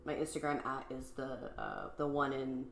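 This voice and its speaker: A woman's voice: rumbling low, huge pitch swings, normal speed, gravelly, echoey room, soft background music. A young woman who works as a special effects makeup artist, chatting casually and laughing easily on a livestream.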